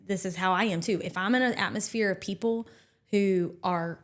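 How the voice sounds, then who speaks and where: A woman's voice: medium pitch, normal speed. A woman on a podcast who speaks candidly and earnestly, with a mid-range voice. She jumps in often with short agreements. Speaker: podcast co-host. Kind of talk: casual chat.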